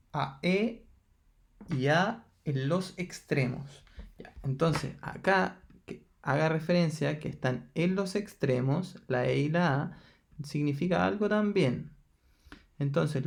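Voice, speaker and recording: A man's voice: on the high side, vocal fry, darkish tone. A man teaching a math lesson in Chilean Spanish, patiently counting through each step aloud and checking in with his students. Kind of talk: recorded lesson explaining exercises.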